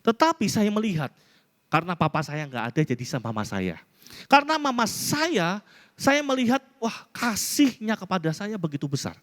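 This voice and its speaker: A man's voice: sits high, normal speed. Man preaching in a reverberant church. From Indonesia. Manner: storytelling preacher, animated, mimics voices in anecdotes. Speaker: pastor. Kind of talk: sermon. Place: church hall.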